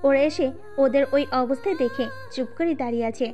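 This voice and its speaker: A woman narrating an audio romance story in a steady, scripted storytelling manner. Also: high voice, quick pace, lo-fi sound.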